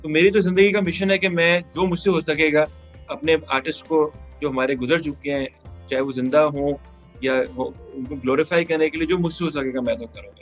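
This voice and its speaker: A man's voice: on the high side, steady tone, brisk, soft background music. A man from Pakistan, a singer and guest in an interview, talking earnestly and telling anecdotes with quoted exchanges. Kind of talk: interview conversation.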